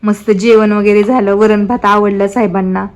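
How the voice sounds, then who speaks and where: A young woman chatting casually through a home vlog, talking softly and rambling about her day as a mother. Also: mid-range voice, steady tone, moderate pace. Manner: chatty, soft-spoken, rambling asides. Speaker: vlogger and mother.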